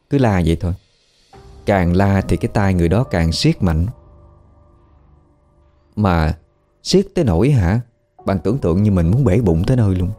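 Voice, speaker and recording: A man's voice: low voice, mellow. A man with a Southern Vietnamese accent narrating a ghost story in a colloquial, conversational way.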